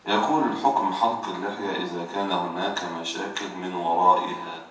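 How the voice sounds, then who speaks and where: A man reading listeners' questions aloud at a religious sermon in a plain, even manner. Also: low-pitched, brisk. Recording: very echoey room, far from the mic.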